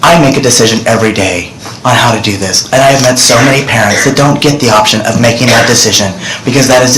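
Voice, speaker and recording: A middle-aged man testifies publicly before senators, speaking earnestly and directly into a desk microphone in a large hearing room. His voice is medium-pitched, and the roomy audio carries background noise.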